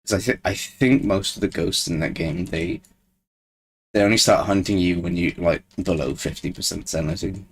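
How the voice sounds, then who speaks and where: Brief: low husky-voiced male streamer, loose self-mocking solo chatter with frequent laughs. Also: normal speed. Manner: rambling, self-deprecating, laughs often. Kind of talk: casual solo gameplay commentary.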